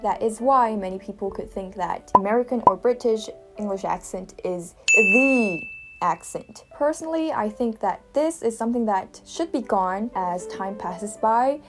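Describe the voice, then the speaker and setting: A woman's voice: mid-range voice, low-quality recording. A young woman in her twenties telling a personal story to camera in an earnest, reflective, conversational way. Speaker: vlogger. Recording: music playing behind the voice.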